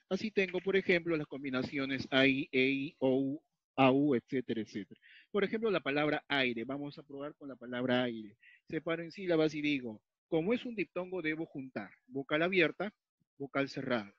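A man's voice: fairly high pitch, animated, normal speed, no room sound. A man from Peru teaching a grammar lesson, explaining step by step, repeating key points and often asking if the class follows. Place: at a whiteboard or tablet, writing as he talks. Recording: dull lo-fi dry recording.

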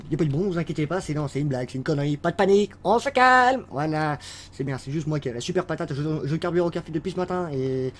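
A gaming YouTuber gives casual, rambling gameplay commentary, chatty and full of fillers, restarts and playful asides. His voice is a little high with a dark tone, and there is slight background noise.

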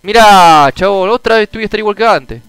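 A young man with a Rioplatense Spanish accent giving casual commentary on a retro game, frustrated, swearing often and bursting into shouts. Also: high-pitched, a little fast, smooth, no room sound, soft background music, low-quality recording. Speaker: gameplay streamer.

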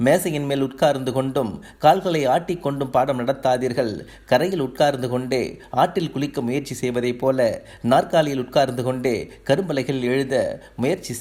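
A man reading a guidebook for teachers aloud in a calm, deliberate, instructive manner. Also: mid-range voice. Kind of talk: measured audiobook reading of advice.

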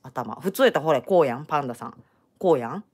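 A woman's voice: low voice, lively intonation, quick pace, darkish tone, husky. A middle-aged woman with a Kansai accent, chatting and joking casually while crocheting on a live stream. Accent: Kansai Japanese. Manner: chatty, teasing, joking banter. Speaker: crochet channel host.

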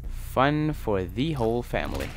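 A young gaming channel host gives casual, self-mocking let's play commentary, occasionally swearing at the game. His mid-range voice is sing-song and unhurried, with background noise and loud game music behind him.

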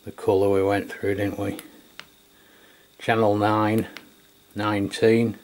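This middle-aged man reviews products for radio, demonstrating one casually and without a script at an indoor tabletop while tentatively thinking aloud. His lowish, darkish voice barely moves in pitch, and his pace is slow. Background noise and room ambience are clearly audible.

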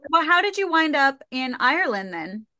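A woman's voice: high-pitched, sing-song, normal speed, pushed and bright, no room sound, clean studio sound. A woman in her thirties hosting a podcast over a video call, upbeat and enthusiastic. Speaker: podcast host. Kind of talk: podcast interview. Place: small studio room.

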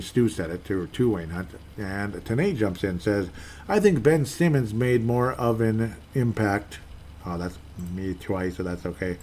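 A man with a fairly low, darkish voice hosts a casual solo podcast, reading listener comments in a relaxed, rambling way and correcting himself along the way. There's slight background noise.

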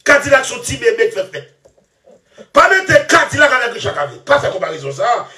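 Excitable man, high bouncy voice. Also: a little fast. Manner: excitable, laughs often, trails off into mumbles. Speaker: musician interviewee. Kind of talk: animated rambling interview talk. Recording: echoey room, far from mic.

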